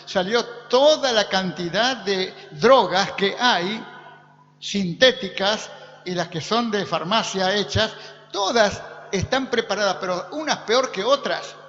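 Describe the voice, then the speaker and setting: A man's voice: high voice, slow pace, fairly bright tone, long reverb tail, lo-fi sound, a little hiss or hum. A man preaching a sermon as pastor, building emphatic repeated phrases. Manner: preaching with rising emphatic repetition.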